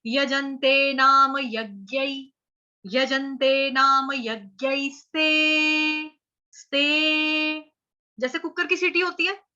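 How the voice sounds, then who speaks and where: A woman's voice: sits high, pushed and bright, lo-fi sound. A woman teaching Sanskrit verse recitation, spelling words out letter by letter and then chanting the full verse. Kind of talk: slow syllable-by-syllable recitation lesson.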